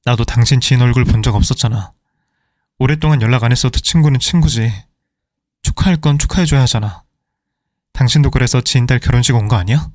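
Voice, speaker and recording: A man's voice: medium pitch, fast, darkish tone, dry recording, clean studio sound, close to an everyday voice. A man playing an evasive middle-aged husband who pleads and placates his angry wife. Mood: placating.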